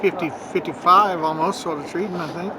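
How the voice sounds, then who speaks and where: A man's voice: high voice, steady tone, a little fast. A man chatting casually for a vlog, outdoors on a boat. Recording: noisy outdoor boat ambience.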